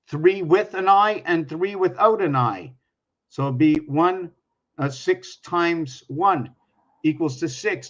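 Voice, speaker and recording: A man in his sixties giving a rambling explanatory monologue, working through sums aloud, pointing at objects and putting questions to the viewer. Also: a little high. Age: 60s. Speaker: numerology speaker. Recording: dull lo-fi recording.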